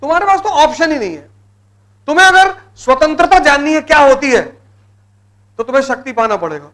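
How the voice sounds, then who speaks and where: A man's voice: extremely high pitch, expressive, a little fast, fairly bright tone. A middle-aged man giving a motivational lecture to exam students, exhorting them with blunt commands and repeating key words for emphasis.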